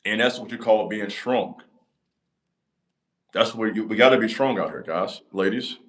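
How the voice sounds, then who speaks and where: This man hosts a channel and addresses the camera with a motivational talk, emphatic and repetitive. His deep voice carries a bit of brightness at a moderate pace.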